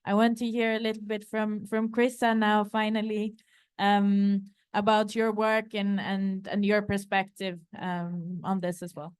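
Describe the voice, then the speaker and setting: Even-toned woman moderating a panel. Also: mid-range voice, a little slow, smooth.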